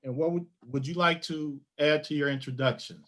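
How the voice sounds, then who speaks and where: A middle-aged man hosting a community podcast interview, speaking in a measured, formal way. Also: a little high, steady tone, fairly bright tone. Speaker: podcast host.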